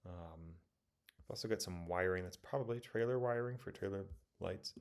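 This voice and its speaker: Casting: male reviewer, deep gravelly voice, loose self-correcting commentary. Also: moderate pace. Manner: rambling, self-correcting, many ums. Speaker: car auction reviewer. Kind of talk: casual commentary over photos.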